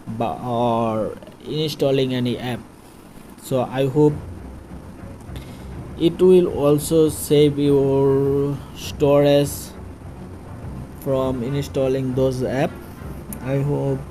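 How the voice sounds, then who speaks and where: Slow-paced man, non-native English tutorial host. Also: mid-range voice. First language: not English. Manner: halting, repetitive, self-correcting phrasing in non-native English. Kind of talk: informal how-to tutorial voice-over.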